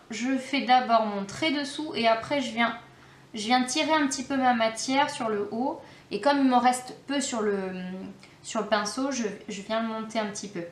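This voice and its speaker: A woman with a high, slightly bright voice gives a casual makeup tutorial as a beauty vlogger, chatty and hesitant with lots of fillers. The room is echoey, with faint music playing in the background.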